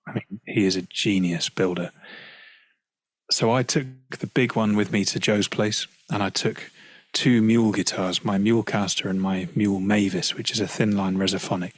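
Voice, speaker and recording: A man with a British accent, a guest singer-songwriter chatting casually in an interview from home, relaxed and quick to laugh. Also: lowish voice, slightly rough, dry recording. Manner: relaxed, chatty, laughs easily, frequent "you know". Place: at home practicing, on a call.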